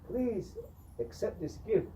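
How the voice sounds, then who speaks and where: A man voicing a frantic chief clown who begs in a high, pleading voice. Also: very animated, takes it slowly, mellow, recorded from a distance, a little hiss or hum, heavily acted. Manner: high, begging, breathless pleas.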